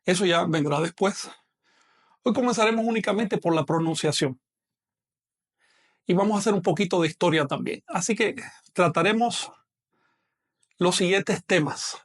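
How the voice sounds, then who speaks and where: A man teaches a language lesson online in a fairly high voice. His delivery is measured and patient, and he slows right down whenever he models a sound. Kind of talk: online lecture.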